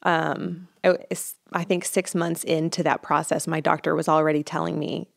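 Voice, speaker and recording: A woman's voice: low-pitched, level tone, moderate pace, creaky. A woman in her thirties, a counselor, talking candidly and reflectively as an interview guest, with frequent ums. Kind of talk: conversational interview.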